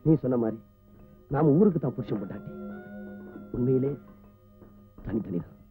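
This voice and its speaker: An actor playing a hurt orphaned husband, speaking low and reproachfully. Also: male voice, animated, moderate pace, lightly acted. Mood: wounded. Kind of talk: 1990s film acting. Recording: tinny lo-fi film soundtrack with music.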